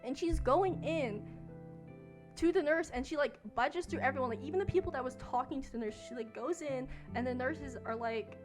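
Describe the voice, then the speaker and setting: Chatty high-voiced young woman streamer. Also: moderate pace, soft background music. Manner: chatty, filler-heavy with lots of "like". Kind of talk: casual storytelling rant while gaming.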